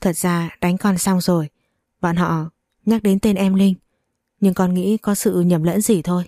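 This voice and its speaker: A woman's voice: fairly low pitch, fairly even intonation, unhurried, mellow, no room sound, studio quality. A woman reading the part of a manipulative, vengeful young woman in a spoken story. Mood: tearful, pleading.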